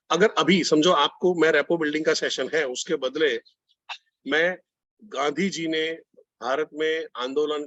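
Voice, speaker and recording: A man's voice: fairly high pitch, fairly bright tone, no room sound, dull audio. A man running an online sales training session, coaching listeners directly and repeating key phrases.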